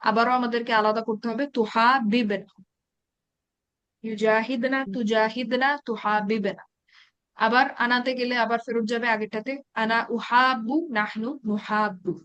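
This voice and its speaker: A woman teaching an Arabic grammar class in an online meeting, reciting verb conjugations slowly and explaining in quick asides. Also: a little high, level tone, fairly bright tone, no room sound, dull audio. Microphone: online meeting call.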